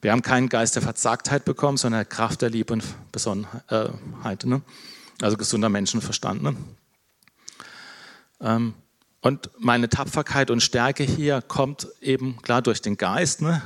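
A man giving an informal sermon in a conversational way. He often ends phrases with a questioning "ne?" and pauses with fillers and restarts. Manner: conversational, tags nearly every phrase with "ne?", many fillers and restarts; calls himself introverted, talks in a thoughtful, low-key way. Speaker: preacher.

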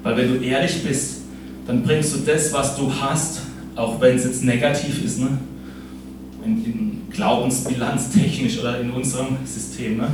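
A man's voice: mid-range voice, steady tone, measured pace, background noise. Man preaching from far in an echoey hall. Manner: conversational, keeps adding "ne?". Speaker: pastor. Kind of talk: sermon. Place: church hall.

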